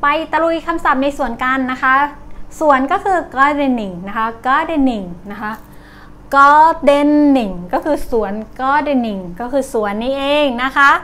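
A woman teaching English words to children, with a Thai accent, saying each word slowly over and over. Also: high-pitched, a bit bright. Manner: slow, drawn-out repetition of each word. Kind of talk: vocabulary lesson for children.

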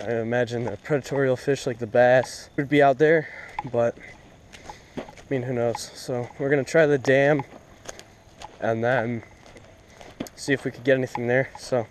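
A man's voice: mid-range voice, moderate pace, long pauses, slight background noise. A young man filming himself fishing from a lakeshore, chatting casually with lots of fillers. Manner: relaxed, rambling with fillers. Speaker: fishing vlogger. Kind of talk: casual outdoor commentary. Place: lakeshore outdoors. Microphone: head-mounted action camera.

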